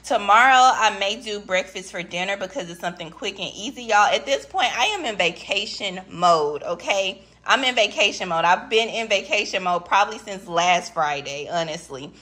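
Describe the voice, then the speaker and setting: Filming from behind a handheld camera in her home kitchen, a woman in her thirties doing a grocery haul vlog chats casually with her viewers, talking straight to them and saying "y'all" often. Her mid-range voice is bright, forceful, and animated, moving at a moderate pace with hardly any pauses.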